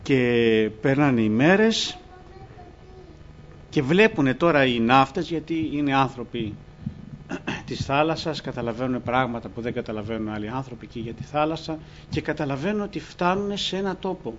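A man's voice: mid-range voice, expressive, highs cut off, a little hiss or hum. A man preaching a fervent sermon to his congregation, often calling them brothers. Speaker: pastor.

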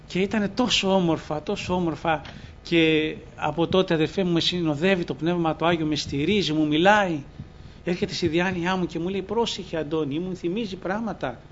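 A man giving an earnest, fervent testimony sermon, often quoting scripture. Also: a little high. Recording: dull lo-fi recording with faint ambient noise.

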